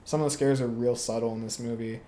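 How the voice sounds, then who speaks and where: A man co-hosting a podcast, chatting casually about movies, relaxed and quick to laugh. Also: mid-range voice. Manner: relaxed, laughs often, lots of fillers. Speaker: podcast co-host. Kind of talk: casual movie review chat.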